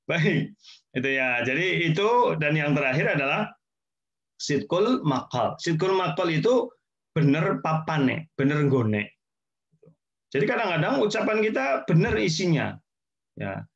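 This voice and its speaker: A man giving a relaxed religious lecture, explaining points repetition and friendly asides. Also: on the high side, measured pace, long pauses. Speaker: Islamic teacher. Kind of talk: casual sermon lecture. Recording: dull lo-fi sound.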